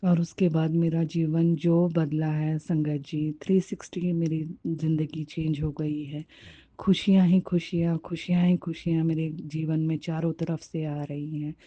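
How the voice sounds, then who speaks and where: A woman's voice: deep voice, little pitch movement, unhurried, warm tone, no room sound, lo-fi sound. A woman sharing a devotional testimony and fervently repeating her words of thanks.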